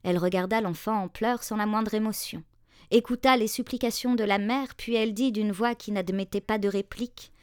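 Woman narrating an old tale, expressive reading, dead dry sound. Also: mid-range voice, brisk, clear, resonant tone, no echo. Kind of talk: storybook narration.

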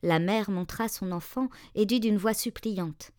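A woman narrating a fairy tale in a measured, expressive reading voice. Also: medium pitch, no echo, studio quality. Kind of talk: storybook narration.

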